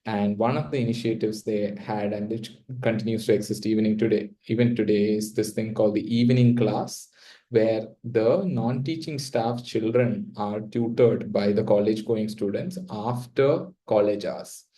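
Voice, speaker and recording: Mellow low-voiced South Indian man. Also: steady tone, moderate pace. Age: young adult. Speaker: interview guest. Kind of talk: reflective personal storytelling in casual talk.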